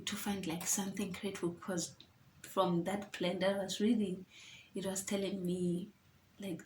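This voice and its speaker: A woman's voice: medium pitch, roomy sound, a little hiss or hum, low-quality recording. A woman telling a personal story to her viewers in a chatty, emotional way, often calling them guys. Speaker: vlogger. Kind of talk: personal story-time vlog.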